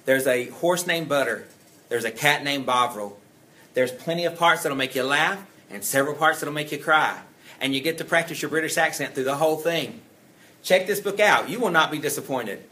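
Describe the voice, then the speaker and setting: Bright-voiced man pitching a book. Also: moderate pace. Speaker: book talk presenter. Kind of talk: short book talk.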